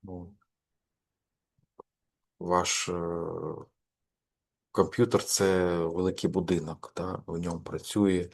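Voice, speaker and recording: A man's voice: deep voice, darkish tone. A man giving a course lecture, hesitant, with many fillers and restarts.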